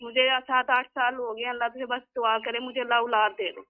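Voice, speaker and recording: A woman's voice: a little high, little pitch movement, fairly quick. A woman calling in over a crackly, unclear phone line, speaking earnestly and pleading, often repeating herself. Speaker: caller. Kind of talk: phone-in call to a spiritual guide.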